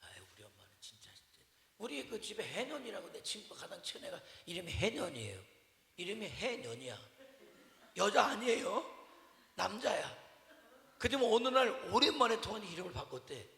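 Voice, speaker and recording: Gravelly high-voiced pastor in an echoey hall. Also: male voice, big pitch swings, brisk, pushed and bright. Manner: conversational, quizzes the congregation with repeated questions; tells personal stories about his mother with humor. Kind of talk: sermon at a Wednesday evening service. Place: church sanctuary. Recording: echoey church hall with long reverb.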